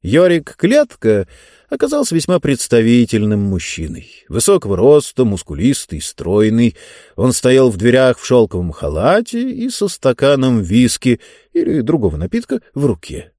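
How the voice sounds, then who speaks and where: A man reading a fairy tale aloud as the narrator, in an expressive reading style. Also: moderate pace, no room sound, studio quality. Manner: expressive reading with wide pitch swings. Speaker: audiobook narrator. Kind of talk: scripted narration.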